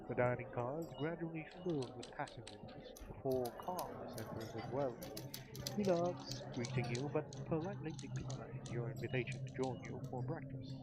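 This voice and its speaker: A man's voice: mid-range voice, heavy background noise. Man casually reading a mystery game aloud. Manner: swears offhandedly, muttered asides.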